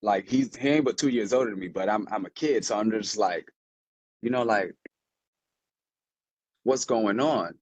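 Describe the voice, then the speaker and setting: A man's voice: lowish voice, brisk, a little mellow, slightly rough, no room sound. A young man, telling a heartfelt personal story in a rambling, casual way full of fillers. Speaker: podcast co-host. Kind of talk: casual conversation.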